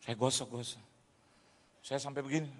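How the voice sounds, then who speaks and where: A man preaching, a pastor telling a funny testimony in an Indonesian accent, acting out shouted dialogue and laughing as he goes. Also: mid-range voice, fairly even intonation, moderate pace. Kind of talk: humorous sermon testimony. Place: large church hall. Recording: hall reverb from a church.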